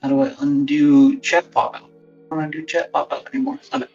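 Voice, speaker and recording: Brisk and sing-song, a man with a fairly high, somewhat mellow voice and vocal fry chats casually on a live stream, rambling, cursing, mocking himself and often muttering under his breath. The audio is dull and distant, coming through a phone used as a wireless webcam mic that sounds boxy, like speakerphone from inside a box. Faint background music plays.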